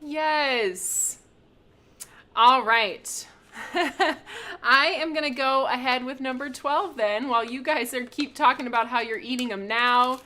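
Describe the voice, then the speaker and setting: A chatty woman hosts a live craft reveal, walking viewers through each item in an upbeat way. Her voice sits a bit high and sounds very bright, and she laughs easily. She is close to the mic. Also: slow pace. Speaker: craft shop host.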